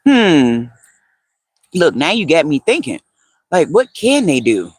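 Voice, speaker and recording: A man's voice: fairly high pitch, wildly swooping pitch, slow pace, breathy edge, no room sound. A man hosting a casual livestream, chatting with viewers, answering their comments, repeating phrases and laughing often. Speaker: livestream host.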